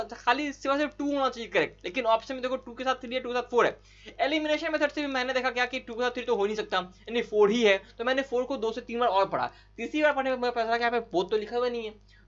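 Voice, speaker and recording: Man, biology tutor, very quick, chatty, coaxing, muffled lo-fi sound. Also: extremely high pitch, fairly bright tone. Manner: rushed, chatty, coaxing students with repeated tag questions. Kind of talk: fast online exam-solution lesson.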